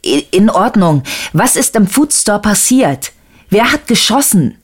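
A man's voice: sits high, big pitch swings, measured pace, husky, voice pushed up, full character voice. A reader voicing an insistent, agitated male detective who keeps pressing with questions, in an audiobook. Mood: shouting.

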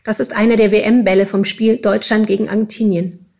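A woman's voice: medium pitch, flat delivery, moderate pace, creaky, a little mellow. Nagging, anxious teenage boy, read by a woman narrator, plain reading voice. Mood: insistent. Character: insistent worried teenage boy.

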